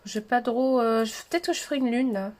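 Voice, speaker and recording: A woman hosting a casual coloring tutorial livestream, chatty and hesitant with many fillers and soft asides. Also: fairly high pitch, fast talker.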